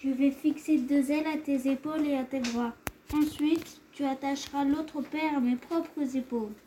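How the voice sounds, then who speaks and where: A woman reading as an urgent inventor father, high voice. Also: steady tone, normal speed, warm tone, slight background noise, close to an everyday voice. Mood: urging. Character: clever determined older father inventor.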